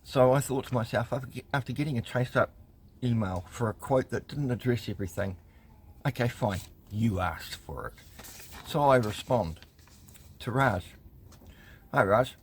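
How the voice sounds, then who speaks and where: Over slight background noise, this New Zealand man speaks at medium pitch as a consumer rights vlogger. Wry and exasperated, he recounts a customer complaint and reads the emails aloud, umming often.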